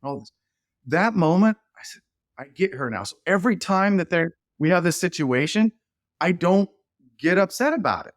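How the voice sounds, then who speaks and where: A middle-aged man, a leadership expert guesting on a podcast, telling stories in an animated, rambling way with many restarts. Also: high-pitched, moderate pace, no room sound, studio quality. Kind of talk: casual podcast conversation.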